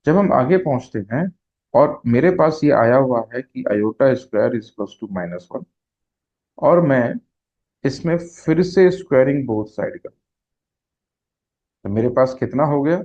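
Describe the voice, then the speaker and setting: Slow, patient male math teacher. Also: mid-range voice, expressive, dull audio. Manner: slow, step-by-step explaining, mixing Hindi with English math terms; asks questions and answers them himself. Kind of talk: classroom lecture at a whiteboard.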